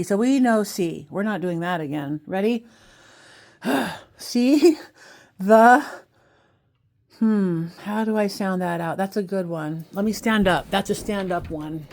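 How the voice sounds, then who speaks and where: A woman teaching a children's phonics lesson, slowly sounding out letters and syllables in an encouraging way. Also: medium pitch. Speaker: kindergarten teacher.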